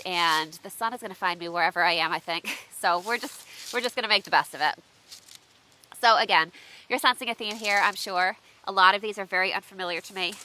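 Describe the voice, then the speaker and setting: Outdoors beneath shifting trees, a homestead vlogger from the United States chats with her viewers while opening a package of seeds, inviting their tips. Allergies leave her slightly stuffy and congested. Her mid-range voice has a sharp tone, and the recording is rough.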